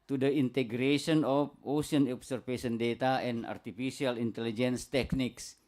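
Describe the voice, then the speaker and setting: Indonesian-accented guy opening a workshop, mellow low-key voice, lots of uh pauses. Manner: halting, with frequent fillers. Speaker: workshop moderator. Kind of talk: reading an introduction aloud. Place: seminar room.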